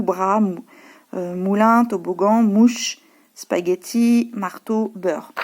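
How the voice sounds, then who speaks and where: A woman's voice: mid-range voice, a little mellow. A woman teacher with a French accent, patiently explaining her pupils' home worksheets to parents, with many hesitations. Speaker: preschool teacher.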